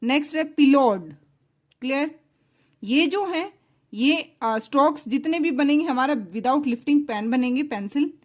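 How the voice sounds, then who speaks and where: High-voiced woman teaching shorthand. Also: lively intonation, measured pace. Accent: Indian English words in Hindi. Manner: explains step by step, checks understanding with "clear?". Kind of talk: online shorthand lesson.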